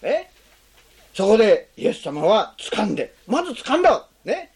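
With a breathy edge and big pitch swings, a pastor's darkish mid-range voice carries a sermon in which he asks the congregation questions and fills in with frequent tag words. He lingers on key phrases and quickens his pace when explaining.

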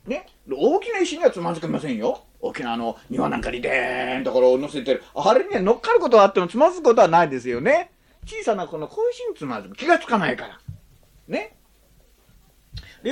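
Pastor, male, conversational sermon; breathy husky tone, wildly animated pitch. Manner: chatty, asks the congregation questions, adds "ne" often.

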